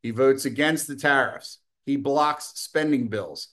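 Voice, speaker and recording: A man's voice: mid-range voice, a little slow, a bit bright. A middle-aged man hosting a political commentary show, delivering a combative, scornful and profane opinion monologue, with occasional coughing.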